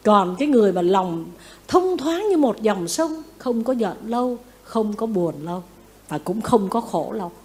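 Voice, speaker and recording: A woman's voice: mid-range voice, normal speed. A woman, a Buddhist nun, giving a sermon who keeps asking the audience questions and repeating phrases for emphasis. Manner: lively, asks the audience questions and answers them.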